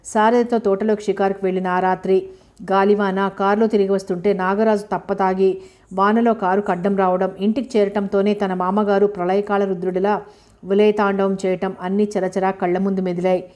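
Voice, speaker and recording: Female audiobook narrator: steady, measured novel reading, warm mellow voice. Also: medium pitch.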